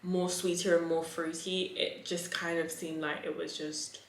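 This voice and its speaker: A woman with a fairly low, level voice reviews a restaurant at a measured pace, keeping it casual and chatty yet campy and theatrical, overplaying the key words. The recording sounds echoey and roomy, with a little hiss or hum.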